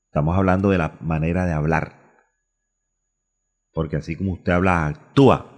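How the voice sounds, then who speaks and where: A man from Colombia delivers a radio sermon in a very low, husky voice. He asks questions aloud and answers them himself, repeating key phrases for emphasis. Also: darkish tone, big-room sound. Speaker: pastor.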